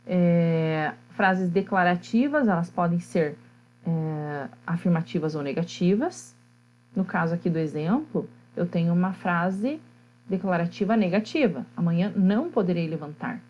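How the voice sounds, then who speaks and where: A woman with a Brazilian Portuguese accent teaching an online grammar class. She explains step by step, often checks in with her students and pauses on fillers while she thinks. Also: lowish voice, a little mellow, muffled recording.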